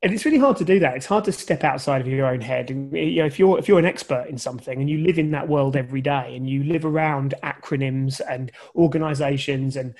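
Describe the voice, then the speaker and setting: A man's voice: mid-range voice, quick pace, hardly any pauses, a little mellow, faint music behind. A man who teaches journalism, answering interview questions thoughtfully over a video call and often restarting his sentences. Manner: thoughtful, many restarts and fillers. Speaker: journalism lecturer.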